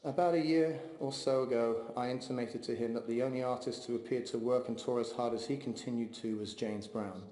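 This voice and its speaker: In a large, echoey memorial hall with long reverb, a man delivers a heartfelt eulogy for his late father. He reads it aloud steadily and in a measured manner, his voice sitting in the mid range.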